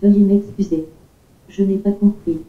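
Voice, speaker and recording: A woman's voice: mid-range voice, fairly even intonation, normal speed. A synthetic woman's half-robot voice-assistant voice, tinny. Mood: flat polite. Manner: stiff, evenly polite machine phrasing. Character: polite synthetic female voice assistant. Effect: robotic text-to-speech voice. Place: small home lab. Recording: tinny speaker playback in an echoey room.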